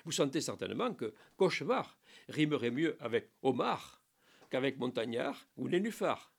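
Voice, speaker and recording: A man giving a spoken lesson on French verse, explaining in a lively teaching manner with playful asides and recited lines. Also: medium pitch, normal speed, creaky, slightly rough.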